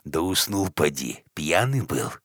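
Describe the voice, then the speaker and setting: A man voicing a grumpy old man with a creaky voice, gruff and mocking, in an audiobook story. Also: very deep voice, sing-song, measured pace, fairly bright tone, no room sound, clean studio sound, heavily acted. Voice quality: creaky, grating.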